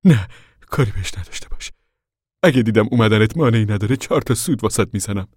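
A man voicing a stubborn male preacher who gives urgent commands in a husky voice. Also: lowish voice, animated, dry recording, studio quality, pitched above the performer's own voice.

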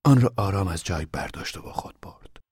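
Deep-voiced male audiobook narrator. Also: lively intonation, darkish tone, slightly rough, dry recording, whispered, clean studio sound. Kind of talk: scripted narration of a novel.

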